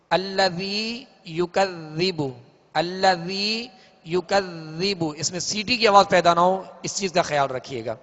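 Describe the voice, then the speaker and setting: A man teaching Quran recitation, explaining pronunciation slowly and then chanting verses in a drawn-out way. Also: sits high, fairly bright tone. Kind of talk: tajweed lesson with chanted recitation. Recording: dull lo-fi audio in a reverberant hall.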